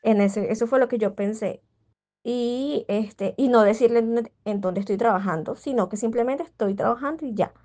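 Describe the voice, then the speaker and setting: A woman's voice: fairly high pitch, moderate pace, mellow. A woman leaving a casual voice message, anxious and stressed, rambling and pleading with many restarts. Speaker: person leaving a voice message to a friend.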